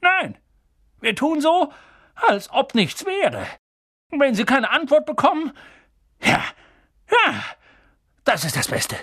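A man voicing a gruff, bullying middle-aged uncle who snaps and shouts in a story reading. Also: high-pitched, huge pitch swings, unhurried, few pauses, dry recording, studio quality, voice pushed up, full character voice. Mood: uneasy, forced. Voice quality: shouting, snapping.

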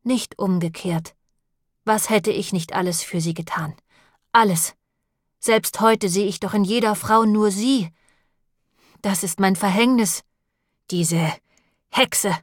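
A woman's voice: mid-range voice, takes it slowly, pauses often, no echo, clean studio sound. A woman reading a fretful, whining priest. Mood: sober, sad. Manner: plaintive and fretful, wheedling. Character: nervous, whining long-nosed priest man.

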